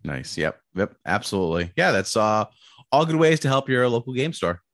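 A male podcast host with a lively, bouncing pitch who teases his co-hosts and answers in quick affirmations. The sound is close and dry. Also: no room sound. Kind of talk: casual chat.

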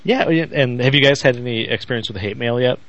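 A man's voice: mid-range voice, quick pace, fairly bright tone, dry recording, muffled recording. A man hosting a casual podcast chat, chatty and reading listener emails aloud. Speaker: podcast host. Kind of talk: casual chat over a video call.

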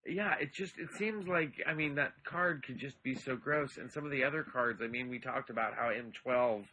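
A man co-hosting a casual comedic podcast, rambling and filling pauses with ums and uhs. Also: medium pitch, sharp tone, slightly rough, rough recording. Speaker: podcast co-host.

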